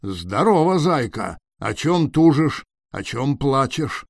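A man voicing a heavy male bull in a storybook tale, speaking slow and lumbering. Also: mid-range voice, big pitch swings, gravelly, dry recording, studio quality, heavily acted.

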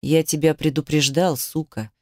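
A woman voicing a cold, contemptuous controlling husband who speaks in a low hissing menace in an audiobook. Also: lively intonation, slow pace, no echo, studio quality. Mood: hissing contempt. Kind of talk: audiobook character voice.

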